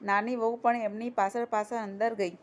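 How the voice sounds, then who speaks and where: Woman storyteller, slightly high voice, steady devotional tale reading. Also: normal speed.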